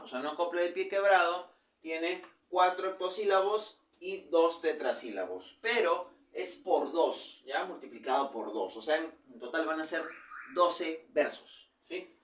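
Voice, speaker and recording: Male literature teacher, fairly high voice, explains step by step, recorded off-mic in a reverberant room. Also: far from the mic. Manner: explanatory, checks in with frequent "¿ya?". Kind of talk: virtual class lecture.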